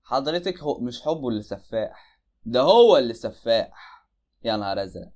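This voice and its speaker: A man's voice: medium pitch, animated, fairly quick, a little mellow. A man with an Egyptian accent giving casual, joking reaction commentary on videos, exclaiming in disbelief.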